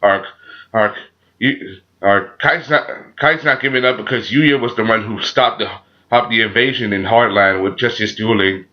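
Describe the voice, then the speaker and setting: A man with a sore throat gives a casual, unscripted review as a channel host, halting and often repeating himself with frequent filler phrases. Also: fairly low pitch. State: sore throat, a little sick. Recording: dull, muffled lo-fi audio.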